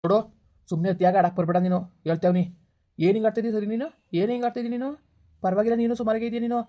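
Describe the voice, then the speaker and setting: Brief: woman as callous young boyfriend, flat dark delivery, no patience. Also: mid-range voice, natural voice. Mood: scornful. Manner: curt, scolding, rapid-fire. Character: harsh dismissive young man breaking up. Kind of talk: village skit acting.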